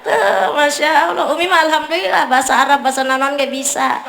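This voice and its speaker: A woman's voice: high-pitched, fairly quick, gravelly. A woman preacher from Tangerang, giving a humorous sermon and teasing the crowd. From Tangerang, Indonesia. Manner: joking, teasing and bantering with the audience. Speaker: female Islamic preacher. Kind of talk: humorous religious sermon at a community celebration. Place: neighborhood religious gathering. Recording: echoey, noisy sound-system recording.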